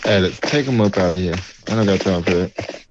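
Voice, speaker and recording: A man's voice: deep voice, a little fast. A man acting as a police recruiter in a roleplay game, giving curt, repeated commands. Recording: muffled voice chat with faint noise.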